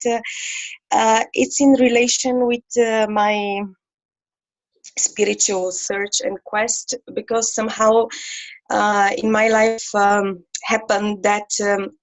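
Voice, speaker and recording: Slow, halting woman. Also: on the high side, rough recording. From Bulgaria. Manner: halting, searching for words. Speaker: participant introducing herself. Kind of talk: self-introduction on a video call. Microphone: video call.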